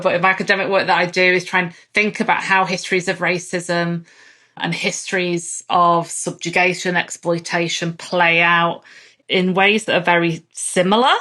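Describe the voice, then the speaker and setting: A woman's voice: fairly low pitch, bright, forceful tone. A woman hosting an interview, asking thoughtful questions with frequent restarts. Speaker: sociologist host interviewing guests. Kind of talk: conversational interview.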